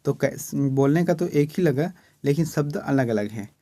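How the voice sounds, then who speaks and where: Guy teaching exam prep, voice on the higher side, dry close sound, keeps saying okay. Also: animated, normal speed, warm tone, dry recording. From Chhattisgarh, India. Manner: explains step by step, repeating "ठीक है".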